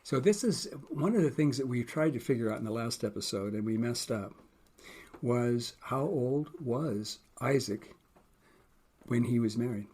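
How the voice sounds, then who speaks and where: A man's voice: medium pitch, lively intonation, moderate pace, darkish tone, husky. Man reading scripture in casual chat. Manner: explains plainly, with small restarts and dry jokes. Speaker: podcast co-host reading Bible passages.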